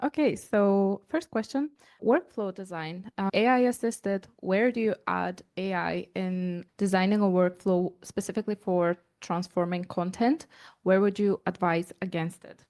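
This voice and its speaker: A woman's voice: mid-range voice, measured pace, a little mellow. A woman moderating a marketing panel, chatty and self-deprecating, often laughing. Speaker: panel moderator and event organizer. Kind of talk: panel discussion.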